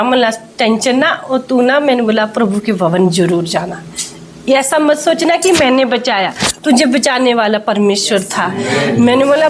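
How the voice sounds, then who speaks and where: A woman with a slightly high voice shares a church testimony with an interviewer, telling it as a story and acting out the quoted speech. There is slight background noise.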